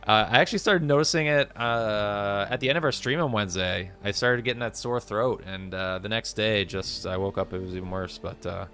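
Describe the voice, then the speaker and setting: A man's voice: on the low side, fairly quick, few pauses, pushed and bright, soft background music. A man with a cold and a congested voice, chatting casually with viewers as he streams a game. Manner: chatty, rambling, greets chat by name. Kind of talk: casual live-stream chat.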